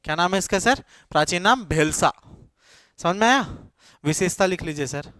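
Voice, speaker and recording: A man's voice: sits high, expressive, normal speed, bright, forceful tone, no echo, clean studio sound. A male teacher giving a classroom lecture, dictating notes, repeating key words and checking in with his students.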